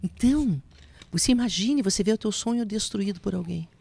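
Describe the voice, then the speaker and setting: A woman telling an emotional personal testimony, slipping into soft whispers and a preaching tone. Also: mid-range voice, lively intonation, fairly quick, creaky, breathy edge. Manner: emotional, drops to soft whispers when recounting quotes; preaching tone on spiritual points. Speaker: guest giving testimony.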